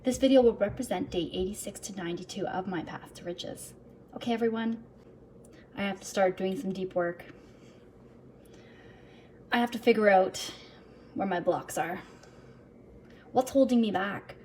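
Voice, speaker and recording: A woman with a mid-range, darkish voice speaks at a moderate pace and pauses often, with a bit of hiss or hum in the audio. She's an earnest, talkative self-help vlogger addressing viewers directly, partly reading her script in an upbeat personal vlog.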